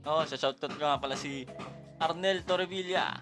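A man's voice: a little high, moderate pace, over music. A young man co-hosting a casual podcast chat, bantering and easily amused. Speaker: podcast co-host.

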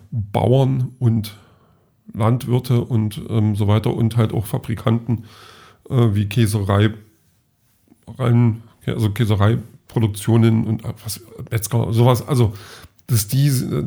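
A man's voice: medium pitch, creaky, mellow, breathy edge. A man casually telling about his day in a rambling vlog monologue, correcting himself often. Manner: rambling, self-correcting, many fillers. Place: at home.

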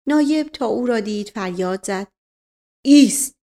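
A woman's voice: medium pitch, a little mellow. Woman narrating a novel aloud. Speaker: audiobook narrator. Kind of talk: scripted narration.

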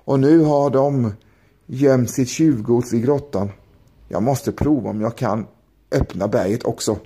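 A man's voice: medium pitch, slightly rough. A man playing honest poor woodcutter Ali Baba. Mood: wondering. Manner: excited calling out.

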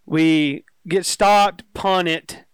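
A young man talks sports with friends in a loose, joking, rambling way. His voice sits a bit high for a man and sounds smooth and clean. The room is dry and close, with no echo. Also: steady tone, drawn-out words. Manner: laid-back, jokey, rambling storyteller. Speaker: podcast co-host. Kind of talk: casual sports chat.

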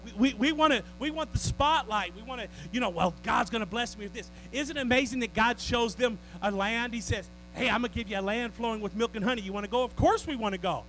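A man preaching a sermon, swinging from loud declarations to low, joking asides with his congregation. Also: fast talker, few pauses, soft background music, rough recording.

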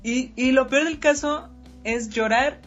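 A woman's voice: sits high, slow. Mexican woman guest, easygoing chatter. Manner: relaxed agreeable chatter, often laughing along. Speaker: podcast guest. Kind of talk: casual podcast chat. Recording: dull lo-fi audio with faint music.

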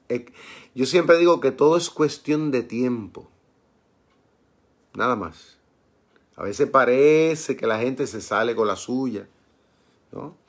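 A man giving a conversational Bible study sermon. He often checks in with his listeners, chuckles as he teaches, and reads scripture aloud with raised emphasis. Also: mid-range voice. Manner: chatty, asks listeners with tag questions.

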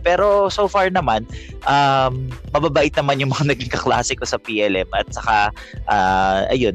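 A man tells stories casually, backtracking as he goes. His pitch is average, and faint music sits behind him. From Gapan, Nueva Ecija, Philippines. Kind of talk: casual reminiscing.

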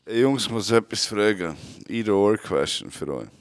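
A young man with a Swiss German accent hosting a casual podcast chat, joking, laughing often and shouting to act out his jokes. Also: on the low side, animated, moderate pace, no echo. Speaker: podcast host.

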